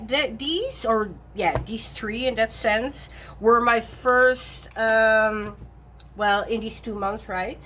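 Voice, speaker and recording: A woman's voice: medium pitch, fairly bright tone. A woman talking through her tarot decks in a loose, rambling vlog chat. She backtracks and rephrases often and breaks into easy laughs. Faint room noise sits under her voice. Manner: chatty and self-correcting, laughs often. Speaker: tarot vlogger.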